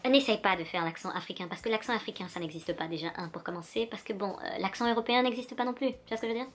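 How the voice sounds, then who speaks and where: A young woman vlogging straight to the viewer in a sassy, animated rant, with faint music behind her. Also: mid-range voice, quick pace. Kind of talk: casual direct-to-camera rant.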